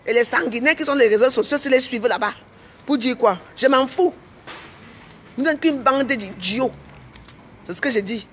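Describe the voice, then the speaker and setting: A woman's voice: sits high, normal speed, pauses often, a bit bright, a little hiss or hum. A woman with a Cameroonian French accent, a vlogger speaking straight to her audience in a heated, indignant rant, repeating herself and tagging phrases with "hein".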